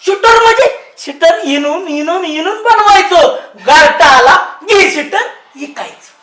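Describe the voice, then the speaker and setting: A man's voice: very high voice, lively intonation, measured pace, a bit bright. An older man in a scripted comedy sketch, fussing, scolding and coaxing a younger relative. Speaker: elder relative. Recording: roomy echo.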